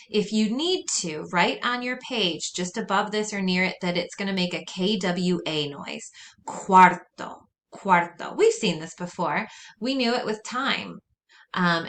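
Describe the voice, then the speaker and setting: Woman teaching a slow, careful lesson. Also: medium pitch, fairly bright tone. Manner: slow, careful drilling of words. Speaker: Spanish teacher. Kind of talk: recorded classroom lesson.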